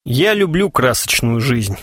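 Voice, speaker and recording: A man's voice: mid-range voice, sing-song, unhurried, a bit bright, no echo, clean studio sound. A man doing a moody, newly rich young man. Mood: brooding. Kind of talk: audiobook character voice.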